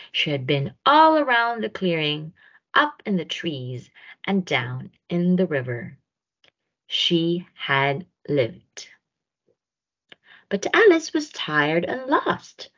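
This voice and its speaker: Reading a children's picture book aloud, this woman goes slowly, stressing words for young listeners with very animated intonation. Her voice is lowish and a little husky, captured on a dull, lo-fi recording.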